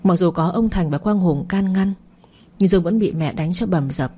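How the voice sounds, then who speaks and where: A woman narrating a family drama story in a steady, dramatic manner. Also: fairly low pitch, moderate pace, slightly rough.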